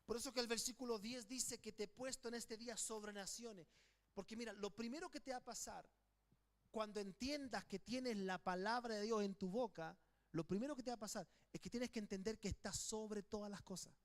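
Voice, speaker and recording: A male pastor preaching a sermon to his congregation, with a notably high-pitched voice. He calls on the listeners to repeat after him, shouting some phrases and slowing others into a near hush. His tone is emphatic throughout. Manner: swings between loud declarations and quiet, slowed phrases. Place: church sanctuary with congregation.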